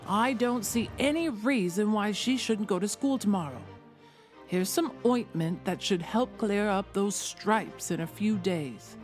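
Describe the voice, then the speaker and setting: A woman voicing an earnest, puzzled male doctor in a storybook read-aloud, measured and deliberate, over faint music. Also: medium pitch, expressive, lightly acted. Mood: reassuring.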